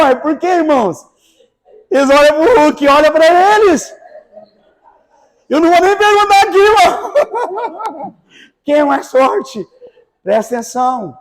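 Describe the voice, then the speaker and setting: High-voiced preacher, loud and soft by turns. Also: male voice. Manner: swings between hushed asides and shouted exclamations. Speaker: pastor. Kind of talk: lively evangelical sermon. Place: church.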